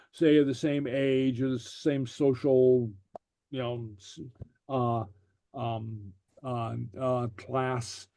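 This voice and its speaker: A man teaching a language class, explaining slowly and patiently, checking in with "okay?" after each point and using many fillers. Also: medium pitch, dark tone, dry recording. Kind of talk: slow explanatory class lecture.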